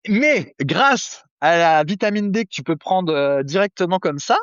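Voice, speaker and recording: High-voiced chatty French podcast man. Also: lively intonation, a little slow, a bit bright, clear, resonant tone, no echo, highs cut off. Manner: chatty, many fillers, jokey asides. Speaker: podcast co-host. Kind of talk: casual chat.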